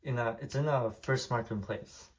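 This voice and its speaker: A young Taiwanese man, a native Hokkien speaker, rambles casually through a vlog tour of his diecast collection room, stumbling over fillers and restarts. His medium-pitched voice stays steady at a moderate pace, and the recording quality is low.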